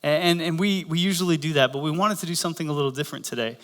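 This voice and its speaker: A man's voice: fairly high pitch, racing, a bit bright. A man preaching a humorous Easter sermon in church, telling a story and acting out the voices in it. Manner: joking storyteller, acts out quoted voices. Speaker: pastor.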